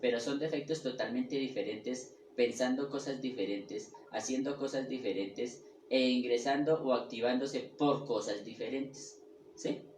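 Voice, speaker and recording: A man teaches a spiritual class in a halting, repetitive way, often pausing to check that his listeners follow. He sounds echoey and set back from the mic, with a faint hum of room ambience behind him. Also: mid-range voice, a little mellow, distant mic. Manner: halting, with restarts and repeated words. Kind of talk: lecture on the ego and personality.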